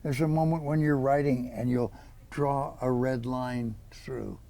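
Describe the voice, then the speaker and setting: A man's voice: mid-range voice, steady tone, a little slow, gravelly, mellow. A man in his eighties, an author, answering interview questions with rambling, folksy stories full of quoted dialogue. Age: 80s.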